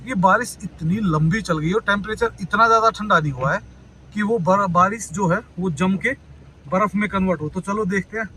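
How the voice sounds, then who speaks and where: Chatty high-voiced man vlogging from a car. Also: normal speed, pushed and bright, a little hiss or hum, poor audio. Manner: chatty, addresses viewers as brother, worried tone. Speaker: travel vlogger. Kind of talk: casual driving vlog commentary. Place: inside a car in traffic, outdoors around.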